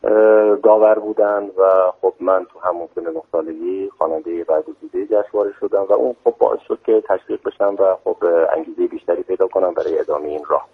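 A man with a Kermanshahi Persian accent speaks in a low, husky voice. He answers the interview haltingly, with frequent fillers. His voice comes through a tinny phone line. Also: fairly even intonation. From Kermanshah, Iran. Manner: hesitant, many fillers. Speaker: guest singer and music teacher.

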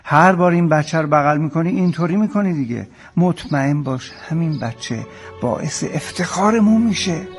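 A patient husband and father in a TV drama, coaxing his wife in a slightly high, husky voice. He reasons softly and keeps reassuring her. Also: expressive, faint music behind. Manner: soothing, coaxing. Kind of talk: TV drama acting.

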